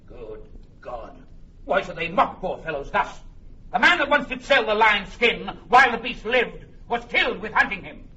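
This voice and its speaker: King Henry the Fifth, forceful and rousing. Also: high voice, very animated, normal speed, exaggerated voice. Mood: defiant. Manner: declamatory, swings from hushed to ringing oratory. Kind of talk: classical Shakespearean stage-style acting. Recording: dull band-limited drama recording, background noise.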